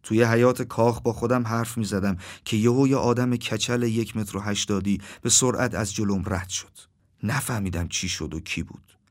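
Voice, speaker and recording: A man reading a surreal first-person story in a calm, deadpan way. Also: on the low side.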